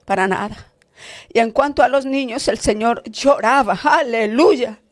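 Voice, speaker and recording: High-voiced woman preaching her testimony slow and fervent, dry close sound. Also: no room sound. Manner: fervent, interjects hallelujahs; slow, emphatic delivery. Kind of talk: emotional testimony sermon.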